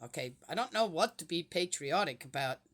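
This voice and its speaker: Speaking low, animated and a little fast, this Swiss Bible-reading vlogger in her sixties delivers a casual, meandering monologue. She keeps peppering her viewers with rhetorical questions.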